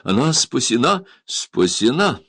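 A man voicing a commanding pirate captain who speaks calmly and firmly, with tenderness. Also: mid-range voice, measured pace, no room sound, studio quality, pitched above the performer's own voice. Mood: reassuring. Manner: calm, firm.

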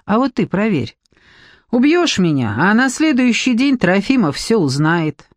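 A woman's voice: medium pitch, big pitch swings, measured pace, no room sound, clean studio sound, voice pushed up. A woman reading an audiobook, voicing a defiant young former nanny who speaks with scorn.

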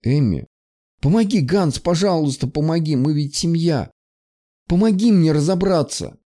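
A man voicing a distraught young sorceress in an audiobook, pleading in a high, strained voice. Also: lively intonation, moderate pace, warm tone, no echo, studio quality, close to an everyday voice.

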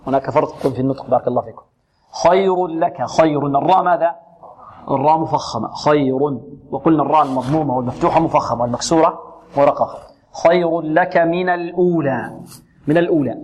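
Quran teacher drilling letter sounds. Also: male voice, a little high, a little mellow, lo-fi sound. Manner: patient, asks questions then answers them himself; repeats sounds and words slowly, drawing them out. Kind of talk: tajweed lesson with recited examples.

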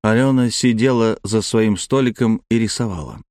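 A man narrating an audiobook in a measured, even storytelling manner. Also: fairly low pitch, dry recording, studio quality. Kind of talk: scripted narration.

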